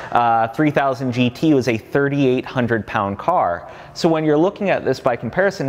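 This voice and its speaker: A man in his thirties walks through a collection and explains it eagerly, piling up details and leaning on plenty of fillers. His voice sits at an ordinary middle pitch. A long reverb from the underground garage trails behind his words. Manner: enthusiastic, fact-heavy, many fillers. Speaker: company collection guide. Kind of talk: casual walkaround explanation. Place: large underground parking garage.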